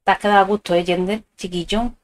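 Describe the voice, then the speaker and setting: A woman's voice: mid-range voice, steady tone, fast talker. A woman with a Spanish accent from Spain, chatting casually and affectionately with viewers as she streams a video game. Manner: chatty, informal, addressing viewers with endearments. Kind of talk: casual livestream chat while playing a video game. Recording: music playing behind the voice. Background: game music and stream sound alerts.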